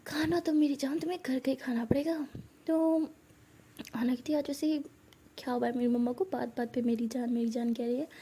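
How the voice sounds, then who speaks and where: Woman storyteller, high dark husky voice, soft half-whispered delivery. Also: fairly even intonation, fairly quick. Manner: soft, partly whispered narration. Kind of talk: narrating a love story, voicing each character.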